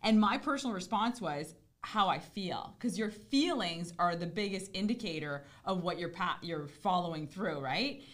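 A woman's voice: fairly low pitch, animated, moderate pace, few pauses. A woman hosting a podcast interview, bubbly and effusive, laughing often as she talks. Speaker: podcast host.

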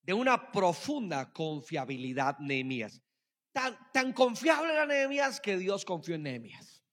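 A man delivers a sermon in a bright, high voice, addressing the congregation directly. His delivery is animated, with quiet stretches that build into loud calls. The sound carries a long reverb from a church hall. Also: moderate pace. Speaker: preacher.

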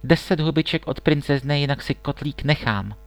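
A man's voice: a little high, lightly acted. A man voicing a disguised prince working as a swineherd in a storybook reading, cheerful and firm. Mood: cheeky.

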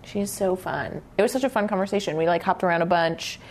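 A woman co-hosts a casual podcast in a breezy manner and laughs easily. Her voice is slightly low, and a faint room ambience hangs behind it. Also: quick pace, darkish tone, slight background noise. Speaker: podcast co-host. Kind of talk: casual chat.

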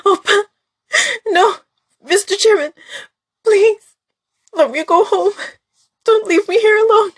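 A woman's voice: very high-pitched, takes it slowly, pauses often, pitched above the performer's own voice. A woman voicing a terrified pregnant young woman, tearful and desperately pleading in an audio drama story. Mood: tearful panic.

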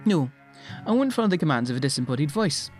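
A defiant young Scottish shepherd acted by a woman grumbles through an audio drama in plain-spoken style. The pitch swings widely around the middle, with faint music underneath. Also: very animated, quick pace, a little mellow. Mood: startled, defiant. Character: stubborn young male shepherd prophet, grumbling and weary.

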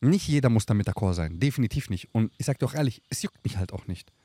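A young man with a lowish, dark, slightly rough voice talks fast and expressively on a dry recording. As a podcast guest, he chats casually and emphatically in heavy street slang, recorded outdoors on a tropical island at dusk.

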